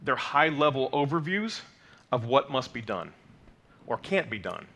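An unhurried, sing-song delivery in a fairly bright, medium-pitched voice marks this man in his thirties. He teaches the weekly Torah portion from a lectern to a congregation in a mid-size sanctuary hall, patiently explaining terms, frequently using fillers and asking "okay?" Hebrew isn't his first language.

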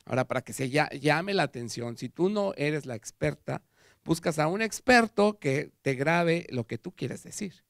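Mexican male lecturer, gravelly, dry close sound, animated storyteller. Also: a little high, normal speed, no room sound. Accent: Mexican Spanish. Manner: animated storytelling with acted quotes. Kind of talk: conference talk. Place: lecture hall.

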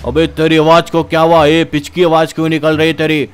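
A man's voice: fairly high pitch, completely flat delivery, moderate pace, clear, resonant tone, close to an everyday voice. A man voicing an angry male gangster boss who scolds and threatens his men. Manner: barking, scolding.

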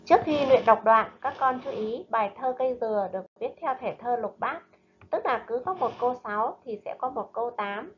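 A woman primary school teacher giving a recorded reading lesson to young children, speaking slowly and enunciating each word with care. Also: fairly high pitch, animated, lo-fi sound, faint music behind. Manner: slow, careful, clearly enunciated reading and drills. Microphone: voice-over narration over slides.

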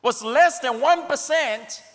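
A man's voice: very high voice, slow, a bit bright. A male pastor delivering a sermon, speaking with emphasis and calling on the congregation to respond. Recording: long reverb of a big hall.

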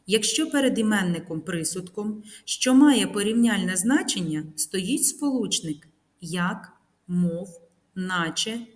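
A woman teacher narrating a recorded grammar lesson, reading example sentences slowly and carefully. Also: mid-range voice, a little mellow. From Ukraine.

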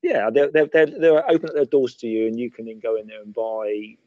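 A man's voice: mid-range voice, fairly even intonation, fairly quick, darkish tone, no room sound, lo-fi sound. A man chatting casually as a guest, teasing and joking, often repeating words as he starts. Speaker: convention organiser guest. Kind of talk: casual chat on a call.

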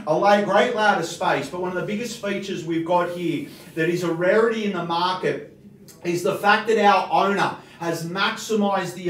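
Energetic Australian auctioneer in a roomy studio. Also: male voice, high voice. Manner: fast, energetic auction patter with rising calls. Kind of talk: live online auction calling. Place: studio room in front of a large video-call screen. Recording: roomy, distant studio sound.

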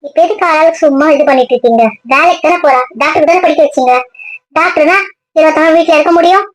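A young woman acting in a family drama as a college student. She explains earnestly in a high voice and at a rapid pace. The sound is dry and close. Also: no echo, rough recording.

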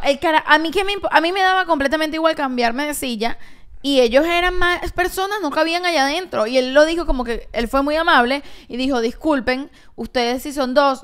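Fast, high-voiced Venezuelan woman. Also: fairly bright tone. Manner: quick, laughing, defensive storytelling. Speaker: podcast co-host. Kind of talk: casual chat.

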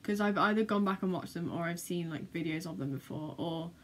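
Here a young adult woman talks fairly quickly in a lowish voice, vlogging her reactions to videos. She's casual, giggly and full of gushing exclamations. Music from what she's watching fills her small bedroom.

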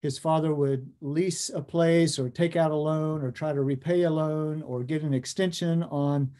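A middle-aged American man lecturing conversationally over slides, pausing often with ums as he thinks. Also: a little high, steady tone, dark tone. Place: indoor room, video call.

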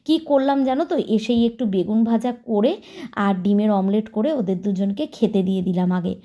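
A woman's voice: mid-range voice, fairly even intonation, a little fast, mellow. A woman in her thirties, a homemaker from West Bengal, chatting casually to camera at home and giving viewers a running account of her day. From West Bengal, India. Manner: chatty, talks straight to viewers, running commentary on chores. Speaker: homemaker vlogger.

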